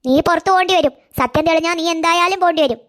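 A woman voicing a suspicious, sharp-tongued middle-aged aunt in a cartoon, scornful and accusing. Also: very high voice, very fast.

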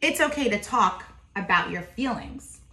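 In an echoey, roomy home kitchen, a woman in her thirties reads a picture book to young children with an expressive, sharp-toned, mid-range voice at a moderate pace. She breaks in now and then with simple explanatory asides.

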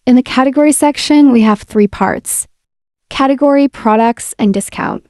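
Friendly woman walking through software. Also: high-pitched, normal speed, dry recording, clean studio sound. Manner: relaxed, friendly step-by-step explaining. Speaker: software demo presenter. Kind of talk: casual screen-recorded software walkthrough. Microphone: voice-over mic.

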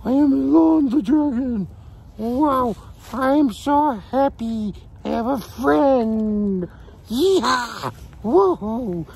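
A performer voicing a giddy, joyful dragon who whoops and giggles loudly. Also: mid-range voice, lively intonation, slow pace, vocal fry, husky, exaggerated voice.

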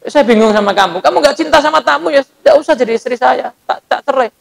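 A man's voice: very high voice, fast talker, gravelly, exaggerated voice. A man doing a stubborn, defiant husband. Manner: firm, defiant. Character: stubborn generous husband who loves guests.

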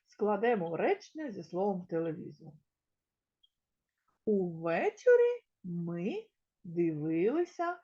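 A woman teaching a small-children's lesson in a slow, sing-song way, stretching words out and sounding them out one by one. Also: fairly high pitch, mellow, lo-fi sound. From Ukraine. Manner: drawn-out, sound-by-sound word pronunciation. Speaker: kindergarten teacher.

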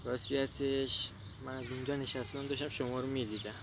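A man's voice: medium pitch, fairly even intonation. A man flirting and then arguing, in a hidden camera prank. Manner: flirty, confrontational. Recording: outdoor recording with clear background noise.

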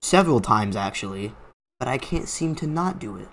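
A man's voice: mid-range voice, sing-song, moderate pace. A young man giving rambling let's-play commentary from a home gaming setup, yelping and gasping when startled. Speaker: gaming YouTuber.

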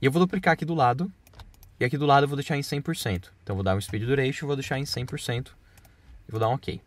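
A man's voice: medium pitch, fast talker. A man explaining video editing step by step in a casual screen-recorded tutorial.

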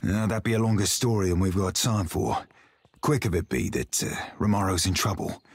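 A man's voice: low-pitched, normal speed, slightly rough, dry recording. A man voicing a loyal pirate crewman confiding in his captain, earnest and salty. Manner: earnest, salty sailor talk. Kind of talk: video game voice acting.

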